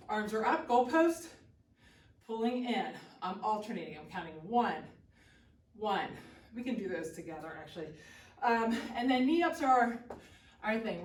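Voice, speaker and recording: A woman's voice: a little high, expressive, unhurried, pauses often. A woman leading a workout as an aerobics instructor, calling out short, encouraging cues and counts. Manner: short commands and counts called out during exercise. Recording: roomy echo, distant from the mic.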